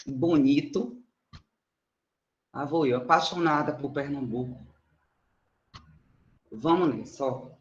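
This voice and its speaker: A middle-aged math teacher from Salvador, with a Bahian Brazilian Portuguese accent, presents her research informally over an online conferencing platform from indoors. Her voice is extremely low and slow, with long pauses; she's chatty, self-deprecating and keeps checking in with listeners, and the call audio is muffled and roomy.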